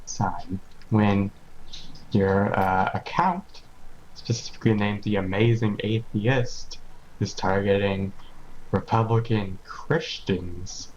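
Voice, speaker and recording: A man's voice: fairly low pitch, fairly even intonation, slow, darkish tone. Sarcastic man in a muffled clip. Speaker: video creator. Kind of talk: commentary video clip. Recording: dull lo-fi clip with faint hum.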